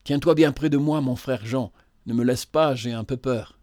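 A man voicing a tender young woman, frightened and pious, in a hushed, earnest way, reading a novel aloud. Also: mid-range voice, normal speed, no room sound, studio quality, lightly acted. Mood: timid.

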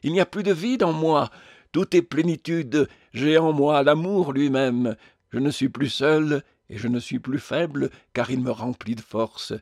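Man reading a serene heavenly lady, gentle, calmly insistent, dry close sound. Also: a little high, unhurried, vocal fry, no echo. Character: radiant, serene heavenly lady, joyful and firm.

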